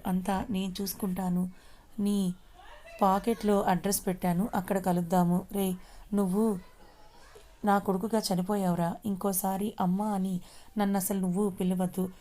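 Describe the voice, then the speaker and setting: A woman's voice: mid-range voice, mellow, lightly acted, rough recording. A woman reading the part of a scheming middle-aged mother who fakes grief, in a story. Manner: feigned sorrow.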